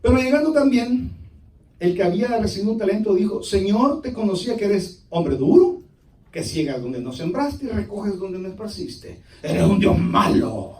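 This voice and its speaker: A man preaching a sermon in a high, very lively voice that swoops up and down, jumping from loud declarations to hushed asides. He is picked up from far off, and the church around him rings with echo. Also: normal speed. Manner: dramatic preaching, shifting between loud and hushed. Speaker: pastor. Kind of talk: Spanish-language sermon. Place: church sanctuary.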